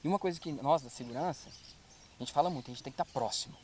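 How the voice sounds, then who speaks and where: A man's voice: on the high side, quick pace, darkish tone, a little hiss or hum. A man speaking as a podcast guest, earnest and repeating his points for emphasis. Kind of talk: casual chat.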